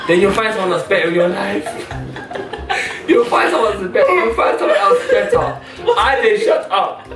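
Very high-voiced young man, emphatic. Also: normal speed. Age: young adult. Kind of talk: casual chat. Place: small bedroom, indoors. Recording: echoey room, distant mic, music.

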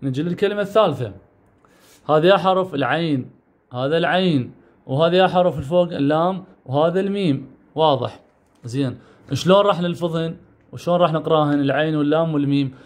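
Iraqi male reading teacher, fairly high voice, slow drawn-out syllable drills. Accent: Iraqi Arabic. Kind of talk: beginner reading lesson.

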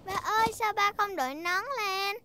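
A performer voicing a cheerful, bossy little girl piglet in a children's cartoon, childlike and expressive. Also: very high-pitched, normal speed, noisy background. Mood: busy, eager.

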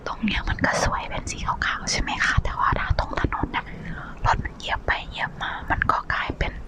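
ASMR host: woman, fully whispered, breathy, casual and polite chat aimed at the listener. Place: outdoors on a balcony in falling snow.

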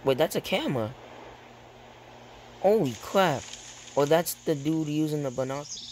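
A man's voice: fairly high pitch, animated, moderate pace. A young man lying on his bed, reacting to a video in a casual, slangy, exclaiming way. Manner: slangy, exclaiming, laughing often. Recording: loud background noise.

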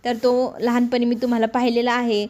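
A woman's voice: on the high side, monotone, fairly quick, darkish tone. A woman retelling a TV serial episode in a plain storytelling manner, quoting the characters' lines as she goes. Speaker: serial episode recap narrator.

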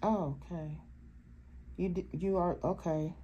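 Tarot reader, woman, mellow low voice, halting and blunt, laughs a lot. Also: fairly even intonation, husky, dull audio. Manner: blunt, profane, laughs often, talks to spirits; halting, with many fillers. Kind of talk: casual tarot reading.

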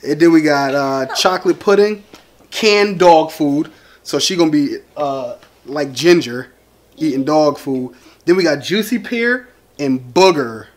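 A man's voice: on the high side, expressive, measured pace. A young American man hosting a home vlog in casual, playful chat, teasing and egging someone on. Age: young adult. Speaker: vlog host. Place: living room sofa at home. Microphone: camera at about arm's length.

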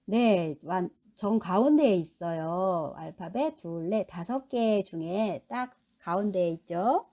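A woman teacher giving a recorded English lesson to adult learners. She talks patiently, repeats each sound slowly, and asks and answers her own questions. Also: on the low side, expressive, warm tone.

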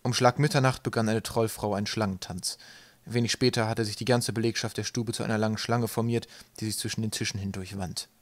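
A man reading an audiobook aloud in a calm, even storytelling voice. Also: on the low side, brisk, no echo. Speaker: audiobook narrator.

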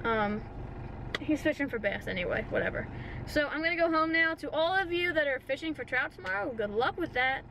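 A woman's voice: high-pitched, expressive, fairly quick, bright, forceful tone. A young woman vlogging from inside her car, chatty and exasperated as she rants. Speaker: fishing vlogger. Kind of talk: casual vlog rant. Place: inside a parked or driving car. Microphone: camera mounted or handheld in car. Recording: noisy car and street ambience.

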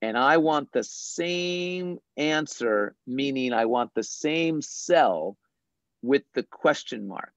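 A math teacher speaking slowly and patiently to young children, with pitch that rises and falls a lot to keep them engaged. The voice comes over a dry, dull video call, with almost no room sound. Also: lively intonation, no echo. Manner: slow, patient, deliberate explaining.

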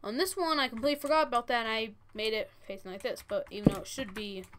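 A thirteen-year-old who says w for r hosts a gaming tutorial, giving casual step-by-step commentary in a fast, mid-range voice with lively intonation. The recording is noisy, full of keyboard and mouse clicks.

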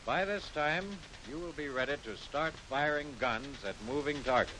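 A man with an American accent narrates in the scripted style of a mid-century military training film. His voice sits a little high, and his phrasing is formal, measured and instructive. The old film soundtrack adds a light hiss. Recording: hissy, noisy vintage film soundtrack.

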